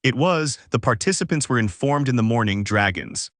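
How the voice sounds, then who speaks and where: A man giving a measured, scripted story narration with deliberate pauses. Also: mid-range voice, expressive, fairly bright tone, no room sound, clean studio sound.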